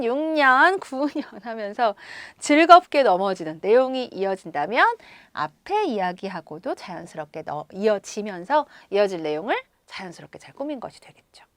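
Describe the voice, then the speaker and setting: Woman teaching kids reading, high voice, jumps around a lot in tone, dry close mic. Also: no room sound. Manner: expressive, asks the pupils questions. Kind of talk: reading-comprehension lesson.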